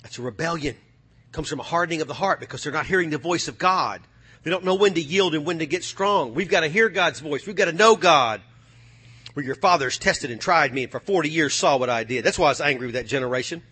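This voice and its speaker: A man preaching a sermon, swinging from low, quiet passages to shouted, fiery calls to the congregation. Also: fast talker, slightly rough.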